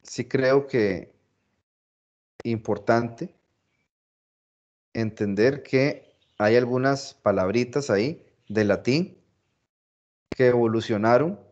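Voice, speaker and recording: A man teaching a philology class, explaining slowly, repeating phrases and stressing example words. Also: mid-range voice, a little mellow, lo-fi sound. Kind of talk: recorded class lecture.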